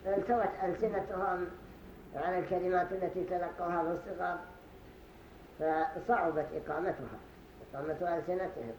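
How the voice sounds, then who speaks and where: Male sheikh, high voice, deliberate teaching of a religious lesson, roomy echoing mosque hall. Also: steady tone, a little mellow. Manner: deliberate explaining, repeats phrases to show pronunciation. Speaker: sheikh teaching a study circle. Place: study gathering in a mosque hall. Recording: roomy echo with faint hiss.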